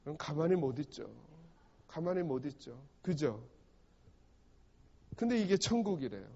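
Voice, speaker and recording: A male pastor preaches a story-driven sermon, stopping often to ask his listeners rhetorical questions. His voice is fairly high. The recording sounds dull and has a long church-hall reverb. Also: very animated, moderate pace, warm tone, husky.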